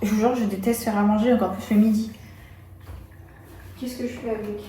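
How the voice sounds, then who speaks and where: A woman's voice: medium pitch, fairly even intonation, fairly quick, dark tone. A young woman chatting casually in a vlog, self-mocking and trailing off into hesitant asides, recorded on a phone held at arm's length. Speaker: vlogger. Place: apartment rooms and city streets. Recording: echoey phone audio with faint hum.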